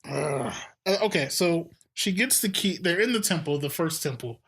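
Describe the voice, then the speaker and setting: A woman's voice: on the low side, lively intonation, normal speed, vocal fry, fairly bright tone. A woman co-hosting a podcast, chatting casually about films, laughing often and trailing off mid-sentence. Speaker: podcast co-host. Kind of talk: casual movie chat.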